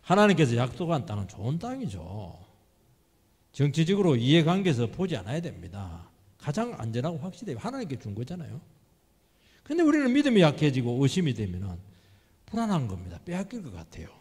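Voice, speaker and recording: A male pastor preaching with emphatic energy, his husky voice rising and falling in lively swings. Long reverb from the church hall trails behind every phrase, and he keeps putting questions to his listeners. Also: medium pitch, a little fast. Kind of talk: sermon. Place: church sanctuary.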